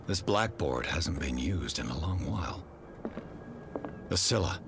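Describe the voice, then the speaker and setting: A calm investigator remarks on what he finds in a very deep, level voice. Game music plays clearly under his lines. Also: a little slow, exaggerated voice. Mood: matter-of-fact. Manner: even, matter-of-fact observations. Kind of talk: video game voice acting. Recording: game audio over music.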